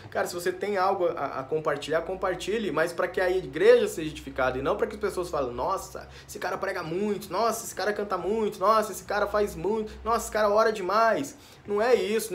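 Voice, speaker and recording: A Brazilian man delivers a sermon in a relaxed, talky way, often tossing in little tag questions. His voice sits a bit high for a man. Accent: Brazilian Portuguese. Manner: informal, tag questions, addresses listeners as dear ones. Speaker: pastor. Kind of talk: conversational sermon.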